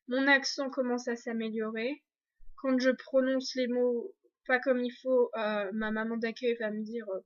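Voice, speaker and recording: A woman's voice: fairly high pitch, highs cut off. A young woman from France talking casually in a video diary, chatty with many restarts and fillers. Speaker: exchange student vlogger.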